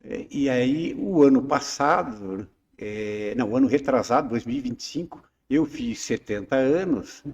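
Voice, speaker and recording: A man in his seventies speaks slowly and hesitantly as an interview guest, circling back with fillers and restarts. The recording is dull and muffled, with a long reverb tail. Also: medium pitch, expressive, a little mellow. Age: 70s. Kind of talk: casual interview chat.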